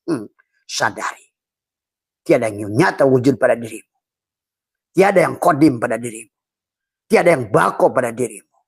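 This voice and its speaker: A middle-aged man teaching spirituality in an informal, fatherly way, chuckling often between phrases and slowly drawing out chanted Arabic phrases. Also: mid-range voice, expressive, creaky, husky, no echo. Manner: calls himself a fatherly elder, addresses listeners as friends; chants Arabic phrases in a slow, drawn-out cadence.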